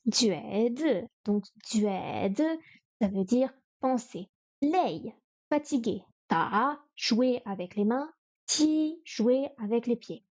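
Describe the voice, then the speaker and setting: A woman's voice: fairly high pitch, animated, extremely slow, darkish tone. A woman on a live stream studying Chinese vocabulary, repeating words, counting strokes aloud and chatting to herself as she goes.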